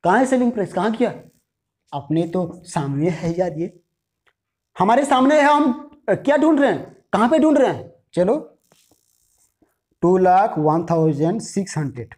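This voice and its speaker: A man's voice: high-pitched, lively intonation, normal speed, long pauses, darkish tone. A man teaches a commerce math lesson in a chatty, friendly way. He keeps checking in with short tag questions and coaxes his students to call out their answers. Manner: chatty, repeats "theek hai", coaxes viewers to answer aloud.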